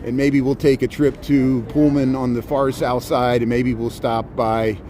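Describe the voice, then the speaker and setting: A man chatting casually on a livestream outdoors, rambling and halting, often repeating his words. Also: medium pitch, flat delivery, warm tone. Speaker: live streamer. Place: outdoors on a city riverwalk. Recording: outdoor livestream with clear city noise.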